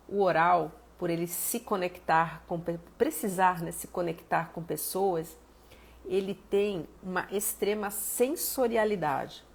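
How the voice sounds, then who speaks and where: A woman's voice: lowish voice, a little mellow, breathy edge. A Brazilian woman therapist giving a live-streamed teaching talk, explaining step by step, greeting viewers by name and using homely examples. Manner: fond of diminutives, homely examples. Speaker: therapist and body analyst.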